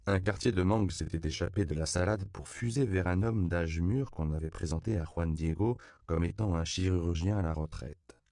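A man reading a novel aloud as an audiobook narrator, measured and even, on a close studio mic. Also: deep voice, vocal fry, clean tone, no room sound. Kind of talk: scripted narration.

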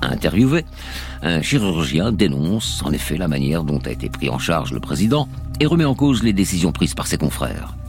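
A man's voice: sits low, big pitch swings, moderate pace, vocal fry, a little mellow. A man narrating a scripted radio documentary as a dramatic story, with emphatic phrasing. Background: music.

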